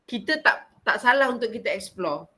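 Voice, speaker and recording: A middle-aged Malaysian woman teaching a vocal recitation class in a frank, talkative way. Her voice sits a little high and has a bright, forceful edge. She talks in a lively, expressive manner. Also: normal speed, breathy edge. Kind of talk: conversational class talk.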